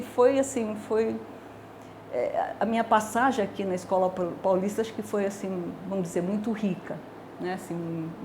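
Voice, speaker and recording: A woman's voice: mid-range voice, mellow, slight background noise. A woman in her sixties with a Brazilian Portuguese accent, a dermatology professor recounting her career in a reflective, hesitant way with many filler words. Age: 60s. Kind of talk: personal career testimony.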